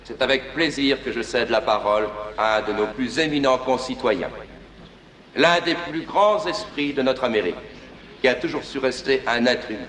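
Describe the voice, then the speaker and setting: Casting: male actor as formal emcee, medium pitch, grandiose announcement with long hall reverb. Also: normal speed, fairly bright tone, close to an everyday voice. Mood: ceremonious. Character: formal male master of ceremonies introducing a speaker. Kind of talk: formal public announcement, dubbed film acting.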